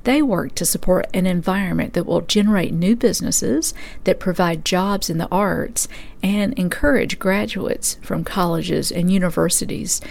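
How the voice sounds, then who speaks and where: A woman's voice: on the low side, moderate pace, vocal fry, darkish tone. A woman hosting a farm and food podcast, reading event announcements from a script. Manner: reads event listings steadily. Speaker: podcast host.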